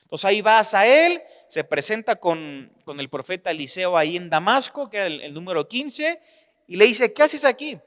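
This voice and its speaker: A man with a Mexican Spanish accent preaching a sermon, telling the story in an animated way and acting out the dialogue. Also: sits high, normal speed. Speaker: pastor. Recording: long hall reverb.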